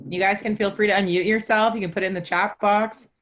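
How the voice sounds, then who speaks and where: A woman's voice: mid-range voice, steady tone, quick pace. A woman casually hosting an online group call and inviting people to speak. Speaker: host of the online workshop.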